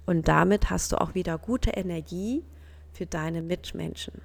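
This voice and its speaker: Woman coach with a heavily creaky voice. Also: lowish voice. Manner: earnest and personal, acts out other people's reactions in quick quoted bits. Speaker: self-help coach. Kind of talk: motivational self-help talk addressed to the listener.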